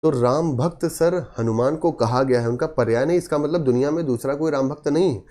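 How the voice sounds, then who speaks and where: A man's voice: on the high side, fairly quick, warm tone. Man quizzing and answering himself. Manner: emphatic, repeats key words. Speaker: exam prep teacher. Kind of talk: Hindi grammar lesson.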